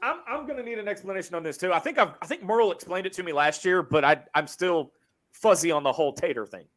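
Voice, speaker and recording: Animated, bright-voiced man hosting a chat. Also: sits high, quick pace. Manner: loose, profane, runs the show. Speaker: podcast host. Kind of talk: casual chat.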